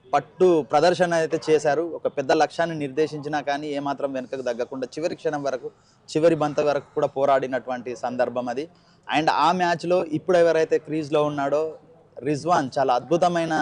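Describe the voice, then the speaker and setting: A man's voice: fairly high pitch, a little mellow. A man with a Telugu accent co-commentating on live cricket in formal, wordy phrasing.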